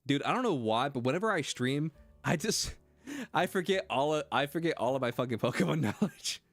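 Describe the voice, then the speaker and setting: A young man streaming a game, chatting casually with his viewers. He rambles and restarts his sentences and swears freely. His pitch bounces lively, and faint music plays underneath. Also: brisk, no room sound. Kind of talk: casual gaming stream commentary.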